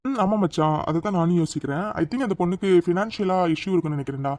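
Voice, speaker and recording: A performer voicing a gruff but caring young man in a cartoon. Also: medium pitch, fast, a little mellow, close to an everyday voice. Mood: earnest. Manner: gruff, earnest. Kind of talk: cartoon dialogue.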